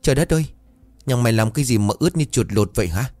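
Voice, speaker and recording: A man's voice: mid-range voice, lively intonation, fast talker, no echo, faint music behind, pitched above the performer's own voice, natural voice. A man voicing an old village woman who scolds and fusses bluntly. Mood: scolding. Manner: scolding, sharp-tongued.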